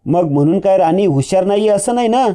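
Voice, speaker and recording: A man's voice: high voice, animated, brisk, mellow, voice pushed up. A man voicing a kindly older father-in-law who argues patiently and persuasively.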